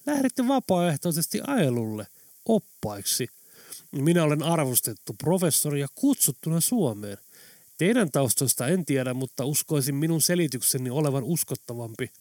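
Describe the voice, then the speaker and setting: A man's voice: fairly high pitch, very animated, darkish tone, no echo, studio quality. A man voicing a cold, menacing male professor who leads armed men, speaking in an icy, commanding way. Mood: threatening.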